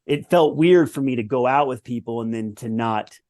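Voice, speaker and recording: Speaking at normal speed in a slightly mellow, mid-range voice, this American man in his 40s, once a professional tennis player, shares his story on a podcast. He's earnest and reflective, often listing things and restarting his sentences.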